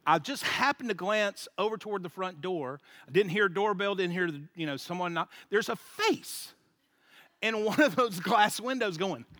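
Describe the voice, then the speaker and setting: A man, a guest speaker telling a funny story at church in an animated, joking way. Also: high-pitched, moderate pace, no room sound, clean studio sound. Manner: animated, joking, laughs at his own story. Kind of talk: humorous storytelling sermon.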